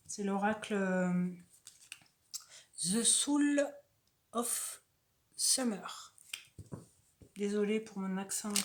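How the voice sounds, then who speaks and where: Woman, slow unhurried delivery, soft-spoken, casual oracle card reading. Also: medium pitch, a little hiss or hum. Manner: slow, soft-spoken, reads cards aloud with chatty asides.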